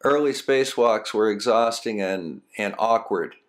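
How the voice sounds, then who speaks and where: A man narrates documentary material as a host. His voice sits a little low, and his delivery is explanatory and scripted. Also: measured pace. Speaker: science video host.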